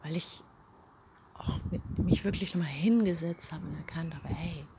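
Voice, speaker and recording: Soft-spoken low-voiced woman. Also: normal speed, creaky, very noisy. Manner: soft, often half-whispered, addresses the listener directly. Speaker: self-help speaker. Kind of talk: personal reflective monologue.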